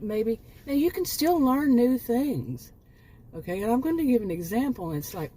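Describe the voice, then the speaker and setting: A homemaking vlogger in her late fifties chats casually in a rambling vlog, often correcting herself and chuckling at her own asides. Her voice is mellow and medium-pitched, with a little hiss or hum in the recording.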